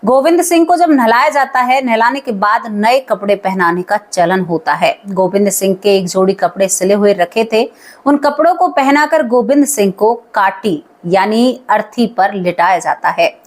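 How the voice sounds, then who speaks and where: A woman's voice: mid-range voice, normal speed. A woman telling a horror story aloud in a conversational way, talking directly to her listeners as friends.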